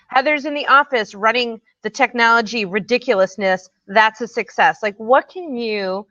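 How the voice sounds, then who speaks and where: A woman's voice: on the high side, a bit bright, dry recording, muffled recording. A woman business coach chatting animatedly on a live video panel, full of "like" and "you know". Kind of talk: casual panel chat.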